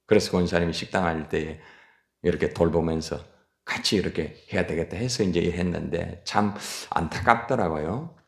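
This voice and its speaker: A man's voice: low voice, moderate pace, gravelly, roomy sound. A man preaching as a pastor at an early-morning church service, emphatic and often putting questions to the congregation. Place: church sanctuary.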